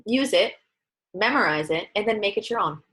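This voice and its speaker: A woman giving a casual, upbeat training talk, chatty and lively, often breaking into quoted dialogue. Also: moderate pace, poor audio. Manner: lively, upbeat, acts out quoted dialogue with sudden high pitch jumps. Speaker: network marketing trainer.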